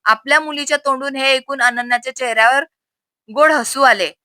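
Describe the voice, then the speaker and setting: Woman story narrator, expressive and steady; dry, close sound. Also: high-pitched, a little fast, dry recording.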